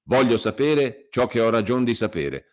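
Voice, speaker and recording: A man voicing an angry, determined young villager who makes forceful, threatening demands. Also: medium pitch, very animated, moderate pace, voice pushed up, lightly acted. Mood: demanding.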